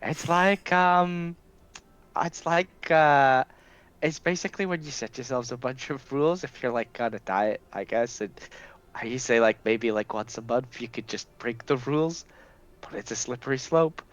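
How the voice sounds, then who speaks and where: A man's voice: medium pitch, moderate pace, fairly bright tone. A man playing a tabletop game who explains things hesitantly with dry jokes. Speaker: player. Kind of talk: in-character chat in a tabletop game.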